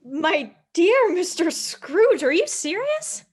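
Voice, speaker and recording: A young woman playing a polite, startled Victorian gentlewoman in a radio play, speaking formally and hesitantly. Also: extremely high pitch, sing-song, takes it slowly, heavily acted. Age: young adult. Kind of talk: 1930s radio play acting.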